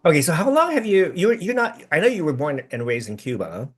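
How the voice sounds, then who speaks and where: A man's voice: on the high side, very animated, a little fast. A man hosting a casual video-call interview, chatty and effusive, with many restarts. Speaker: host.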